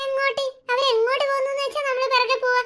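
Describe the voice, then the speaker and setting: A woman's voice: extremely high pitch, little pitch movement, very fast, pushed and bright. A woman voicing a teasing young male sidekick in a cartoon, doubtful of his friend's plans. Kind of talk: cartoon voice acting.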